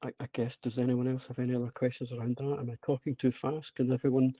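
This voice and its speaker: On a video call with his screen shared, a broad-spoken Scottish man shows off an app he made, unsure of himself and self-deprecating but clearly excited. He speaks at a quick pace in a mellow, medium-pitched voice with flat delivery, and the recording is dry.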